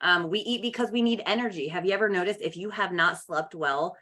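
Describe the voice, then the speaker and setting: A woman's voice: on the low side, brisk, sharp tone. A woman hosting a live coaching call over video, chatty and upbeat, greeting viewers by name. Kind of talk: casual live coaching chat.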